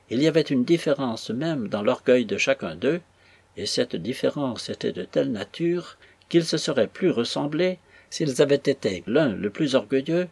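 A man reading a classic novel aloud with measured, expressive narration. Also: mid-range voice, breathy edge, dry recording. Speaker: audiobook narrator. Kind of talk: literary audiobook reading.

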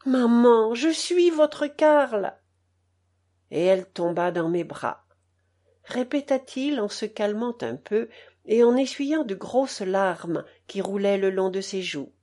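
A woman narrating an audiobook in a measured, expressive reading style. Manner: slow and measured, with expressive pitch. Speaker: audiobook reader.

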